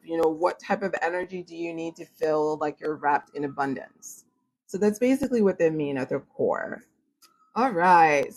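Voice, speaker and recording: A French-speaking woman with a medium-pitched voice hosts an astrology livestream, chatting casually with viewers and leaning heavily on "like" and "you know." She describes herself as formal when she speaks English. The recording quality is low.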